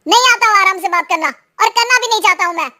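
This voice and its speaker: A woman doing a young cartoon husband, sulky and quick to anger, pitched lower than her own voice but still high, short-tempered lines. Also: fairly even intonation, a bit bright. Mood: angry. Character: young male husband, upset and hot-tempered. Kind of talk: cartoon voice acting.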